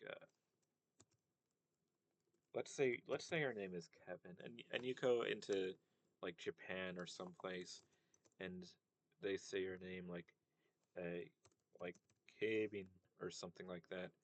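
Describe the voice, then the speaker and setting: A man's voice: low voice, vocal fry. A young man talking casually about language, rambling with many fillers and restarts. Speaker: commentator on language. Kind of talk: casual monologue.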